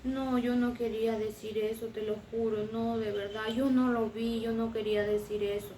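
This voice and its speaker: A woman's voice: a little high, level tone, normal speed, dark tone, a little hiss or hum, close to an everyday voice. A woman doing Cece, a guilt-ridden poor little boy. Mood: pleading. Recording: roomy and distant.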